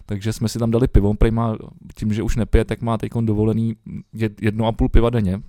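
A man's voice: on the low side, level tone, dark tone, dry recording, clean studio sound. A young man co-hosting a podcast over a remote call, chatting loosely with lots of swearing and fillers. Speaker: podcast co-host. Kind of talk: casual chat.

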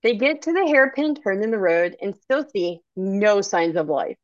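A woman author reading her own novel aloud, narrating in an expressive storybook manner. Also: mid-range voice, moderate pace, dry recording, highs cut off.

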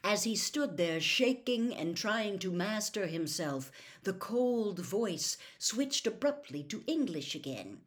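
A woman's voice: medium pitch, expressive, takes it slowly. A woman reading a novel aloud as a storyteller, dramatic and dropping to a whisper for suspense.

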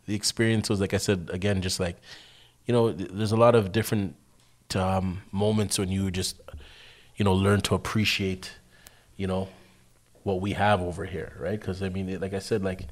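Chill guy hosting a chat, kinda low voice, lots of slang and you know what i mean. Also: little pitch movement, normal speed. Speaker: interview host. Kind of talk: casual interview chat.

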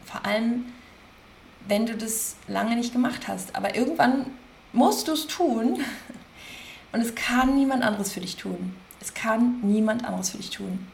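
A woman hosting a podcast, gently guiding listeners through self-reflection, slowly repeating questions and stressing single words. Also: on the high side, gravelly, slight background noise. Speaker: podcast host, coach. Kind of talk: guided self-reflection talk.

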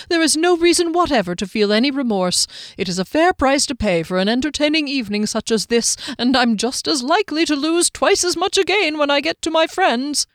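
A woman voicing a small, tipsy, overly polite male halfling gentleman who rambles fussily. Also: a little high, no echo, studio quality, pitched above the performer's own voice, lightly acted.

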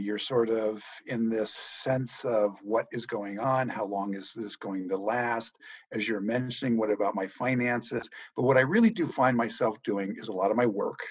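Husky middle-aged man, measured and calm. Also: medium pitch, dry recording, highs cut off. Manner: measured, thoughtful, reassuring. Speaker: guest economics journalist. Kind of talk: conversational interview answers.

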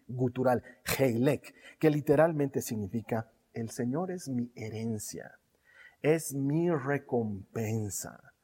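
Husky-voiced preacher in an echoing hall. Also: male voice, medium pitch. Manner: fervent, repetitive preaching that drops to soft, intimate tones. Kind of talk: sermon. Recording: reverberant hall.

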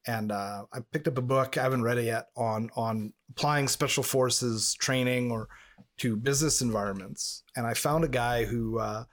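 On a relaxed podcast, this co-host from Montreal drifts between anecdotes in a conversational way. His middle-pitched voice moves at a normal speed.

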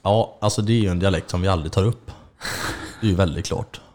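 A man's voice: deep voice, a little mellow. A man co-hosting a podcast in casual chat, rambling and joking with lots of filler words. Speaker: podcast co-host.

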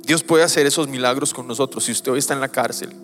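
A man preaching a sermon, animated, moving from quiet asides to loud emphatic points. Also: mid-range voice, fast, soft background music.

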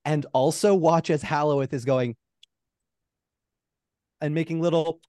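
A man's voice: on the high side, fairly even intonation, measured pace, warm tone, clear, resonant tone, dry recording, clean studio sound. A man hosting a tabletop game as game master, narrating casually. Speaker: game master and podcast host.

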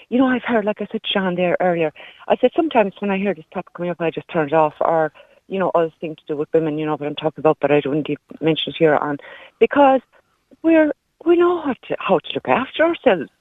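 A woman's voice: medium pitch, expressive, fast talker, no room sound. A woman in her fifties with a Kerry Irish accent, giving blunt, emphatic, no-nonsense opinions as a caller to a radio phone-in. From Ireland. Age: 50s. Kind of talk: opinionated casual chat. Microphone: phone call. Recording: muffled narrow-band phone line.

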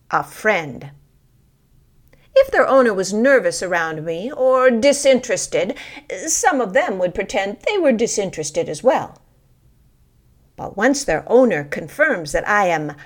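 A woman reading a scripted personal essay in a deliberate, expressive storytelling manner with pauses. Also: medium pitch.

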